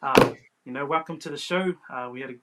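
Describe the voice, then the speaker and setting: A male podcast host with a mid-range voice speaks briskly over heavy background noise. He runs an unscripted interview in a hesitant, informal way, frequently saying "bro" and "you know."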